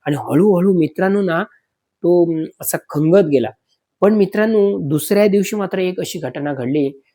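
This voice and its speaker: Telling a spooky tale to listeners he calls friends, a man narrates dramatically, pausing and using fillers to build suspense. His voice is high and warm.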